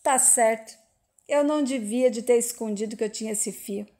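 A remorseful middle-aged country rancher, as a woman reading a storybook recap puts him on. He speaks in soft, pleading, countrified tones, and the voice stays fairly high. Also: moderate pace, close to an everyday voice.

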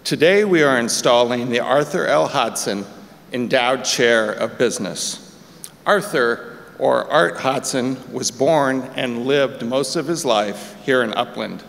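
An older man giving measured, formal prepared remarks from a podium as a board chair. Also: medium pitch, gravelly, a bit bright. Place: large chapel auditorium on stage. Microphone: podium microphone. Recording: long reverb in a large hall.

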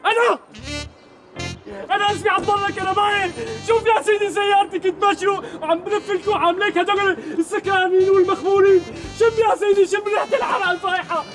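An actor playing a smooth-talking con man who apologises too much, with a Syrian accent, in a TV comedy sketch. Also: sits high, music in the background, a crowd in the background, natural voice. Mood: indignant. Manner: fast, ingratiating and overly apologetic. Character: smooth-talking male con man posing as a returnee from abroad. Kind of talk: Levantine TV comedy acting.

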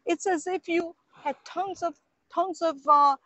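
An older grandmother co-hosting an outdoor painting show, relaxed and chatty, agreeing along. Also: very high-pitched, a little slow, no echo, lo-fi sound. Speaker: co-host. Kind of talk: casual chat. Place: outdoors on a lakeside dock.

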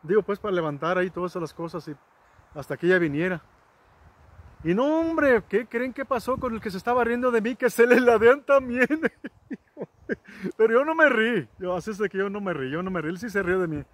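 Folksy high-voiced man. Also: animated, moderate pace, dry recording. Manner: rambling, folksy, many restarts and asides to viewers. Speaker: vlogger telling ranch stories. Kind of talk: casual storytelling to camera.

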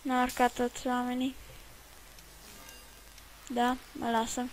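A woman's voice: fairly high pitch, completely flat delivery, a little hiss or hum, low-quality recording. A woman giving rambling, chatty commentary while playing a video game, swearing at it now and then. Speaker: let's play gamer. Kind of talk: casual gameplay commentary.

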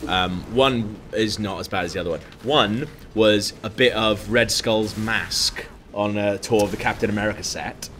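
A man's voice: lowish voice, normal speed, few pauses, fairly bright tone, a little hiss or hum. A young man co-hosting a casual chat, rambling with lots of fillers and frequent laughter. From Wales. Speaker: podcast co-host.

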